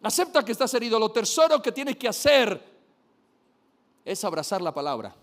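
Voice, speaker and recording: A man's voice: high-pitched, very animated, moderate pace. A man preaching a sermon, emphatic, repeating key phrases and speaking straight to his listeners.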